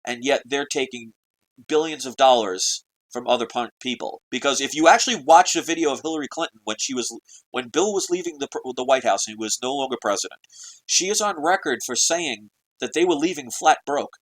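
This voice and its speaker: An American political video blogger rants to camera in an urgent, preachy monologue packed with rhetorical questions for his viewers. His medium-pitched voice is animated and a little fast, and the recording is rough.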